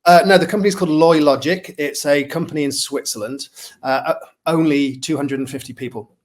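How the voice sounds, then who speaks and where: A Mancunian man in his forties, with a slightly high voice and a fairly quick pace, joins a casual interview over a video call from a room at home. Friendly and self-deprecating, he talks about his career, picked up through a webcam.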